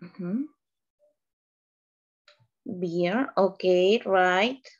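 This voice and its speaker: Slow, patient woman teaching online. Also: lowish voice, slightly rough, muffled recording. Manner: switches between English and Spanish, slow and patient. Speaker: English teacher.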